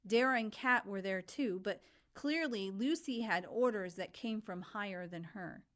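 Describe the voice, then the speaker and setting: A woman voicing a breezy young wife who guides souls, talking briskly and staying calmly firm. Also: mid-range voice, close to an everyday voice.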